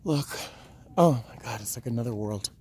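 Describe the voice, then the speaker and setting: With a medium pitch, a darkish tone and normal speed, the American vlogger sounds animated as he chats to his viewer. Originally from Rhode Island, he muses wryly while poking around a tourist site outdoors and inside small huts. Handheld footage captures ambient noise from outside.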